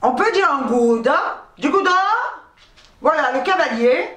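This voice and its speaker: A woman's voice: high-pitched, lively intonation, measured pace, a bit bright, recorded from a distance. A woman chatting bluntly through her grocery haul, swearing freely and laughing at herself. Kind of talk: casual grocery haul chat. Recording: roomy echo, speaking from away from the mic.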